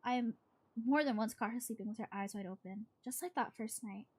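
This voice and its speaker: Higher-voiced woman telling spooky horror stories. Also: a little mellow, breathy edge. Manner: suspenseful, acted-out reading with pauses and stumbles. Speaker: streamer reading horror stories to a live chat. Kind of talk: dramatic spooky storytelling, horror-host narration.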